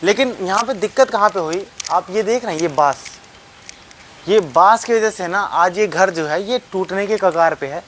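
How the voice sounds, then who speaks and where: In this casual phone-camera vlog, a young man shows viewers around an old mud house, rambling and saying the same phrases again. His voice sits high and a bit bright, moving at a moderate pace over slight background noise.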